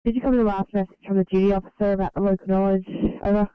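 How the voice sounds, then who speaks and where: A woman speaking as an emergency radio operator in brisk, procedural ambulance radio style. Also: mid-range voice, level tone, clear, resonant tone, no echo. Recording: muffled, band-limited two-way radio.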